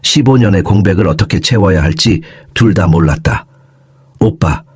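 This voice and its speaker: A man with a husky voice calmly narrating an audio story in a slow, soothing way. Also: low voice, dry recording, clean studio sound.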